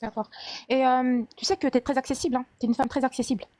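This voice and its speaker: Fast, high-voiced woman giving warnings. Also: fairly even intonation, warm tone. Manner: earnest, warning, repeats herself. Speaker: caller on a live stream. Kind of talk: casual chat, giving advice. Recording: clicking noise behind the voice.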